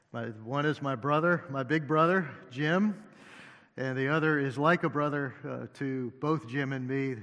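A male associate pastor preaching a sermon at a pulpit microphone in a church sanctuary, unhurried and halting with many fillers, joking gently now and then. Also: medium pitch. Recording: long hall reverb.

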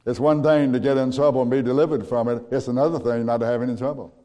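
Male preacher; sermon delivery, loud acted quotes, soft low asides; long hall reverb. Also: fairly even intonation, quick pace. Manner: swings from loud calls to low quiet asides, acts out quotes.

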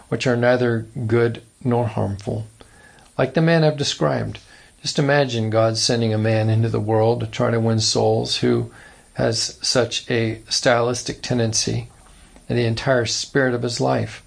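A man reading aloud a lecture on preaching, with an earnest, measured delivery. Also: medium pitch, vocal fry, husky. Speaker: reader.

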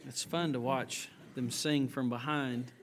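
A man leading a chapel service, making relaxed announcements with frequent fillers. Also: mid-range voice, unhurried, a faint crowd, slight background noise.

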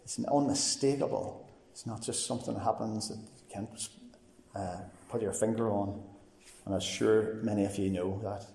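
A man in his forties with a Northern Irish accent, giving a personal testimony in a plain, earnest, halting way. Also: fairly low pitch, fairly even intonation, gravelly, dark tone. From Northern Ireland. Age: 40s. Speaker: testifying church member. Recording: echoey hall with long reverb.

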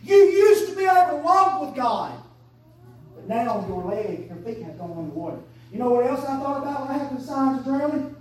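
A woman's voice: sits high, very animated, fairly quick, far from the mic, a little hiss or hum. Impassioned woman preaching, echoey church. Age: 30s. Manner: impassioned, swinging between hushed and shouted. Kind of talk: sermon. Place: church sanctuary.

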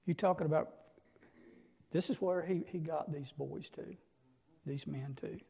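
Gravelly preacher in a reverberant church. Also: male voice, a little high, steady tone, measured pace, warm tone. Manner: emphatic, asks many rhetorical questions. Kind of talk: sermon. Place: church sanctuary.

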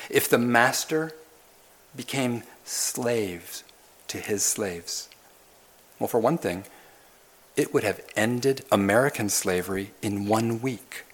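A male pastor preaching an expository sermon, repeating phrases and asking rhetorical questions, swinging from soft low asides to loud emphatic lines.

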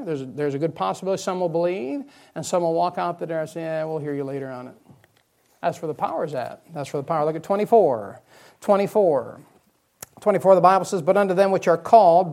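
A male pastor preaching a sermon, emphatic and repeating his key phrases, dropping into quiet asides between loud declarations. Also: sits high, vocal fry.

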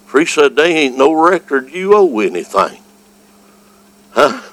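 A man with a Southern US accent preaching a fervent evangelical revival sermon, folksy and exclamatory, moving between quiet storytelling and shouting. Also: a little high, big pitch swings, a little slow, poor audio.

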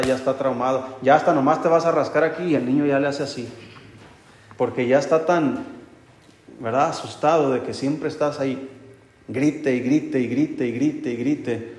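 A man's voice: medium pitch, a little hiss or hum. A man preaching a sermon as pastor, asking the congregation rhetorical questions and answering them himself, with touches of humor. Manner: addresses listeners as brothers, light humor. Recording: echoey hall with long reverb.

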